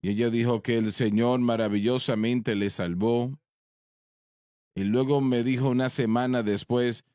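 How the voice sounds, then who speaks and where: A low-voiced man speaks as a preacher on a ministry panel. He tells his story slowly and deliberately, pausing and restarting now and then. The sound is dry and close. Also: a little mellow, no room sound. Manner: slow, deliberate, with pauses and restarts. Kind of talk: sermon-style storytelling in a panel discussion.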